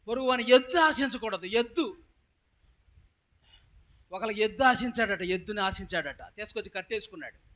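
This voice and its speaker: A pastor delivers a sermon in a high voice, raising it in loud emphatic calls. He keeps asking his congregation questions as he preaches. The delivery stays forceful throughout. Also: animated, moderate pace, long pauses.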